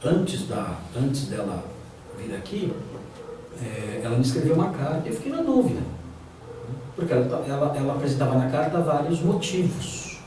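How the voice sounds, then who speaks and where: With a fairly high, sing-song, mellow voice at normal speed, a pastor leads a theology class in a conversational manner. He tends to perform the voices of people he quotes. Sound is noisy and echoey, captured from a distant mic.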